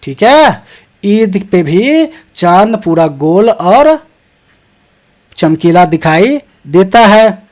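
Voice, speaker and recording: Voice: medium pitch, big pitch swings, extremely slow, darkish tone. A teacher reading textbook questions aloud to young children and then explaining the answers, stopping often to check in with "ठीक है".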